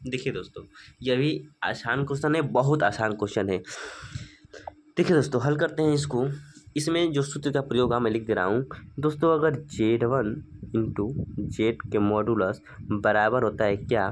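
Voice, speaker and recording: A man's voice: medium pitch, slight background noise. Guy teaching maths step by step, keeps asking then answering himself. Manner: asks rhetorical questions and answers them; slow, stepwise working-through. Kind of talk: spoken maths lesson.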